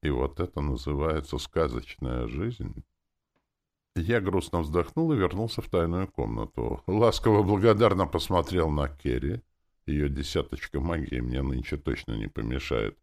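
A man narrating a first-person audiobook in a wry, expressive way. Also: a bass voice, vocal fry.

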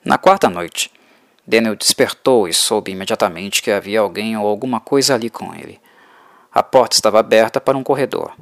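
A man with a low voice narrates an audiobook, reading in an even, measured way. The recording is dry and close. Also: no echo. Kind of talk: scripted narration.

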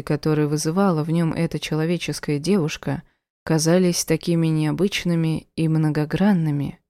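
Low-voiced woman reading an audiobook. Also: dark tone, no room sound, clean studio sound. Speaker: audiobook narrator. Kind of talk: scripted romance narration.

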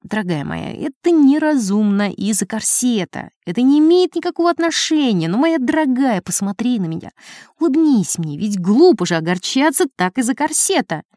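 A woman's voice: a little high, sing-song, moderate pace, mellow, no room sound, studio quality, voice pushed up. A woman reading as a husband who coaxes and pleads with his angry wife. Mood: pleading. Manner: coaxing, pleading. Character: fawning, pleading husband, a gentleman. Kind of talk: audiobook character reading.

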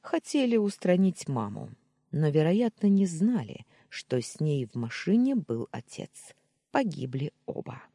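Reader doing grim young guy out for revenge, slow, husky, lively pitch. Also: no echo, clean studio sound. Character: brooding vengeful young man, the hero.

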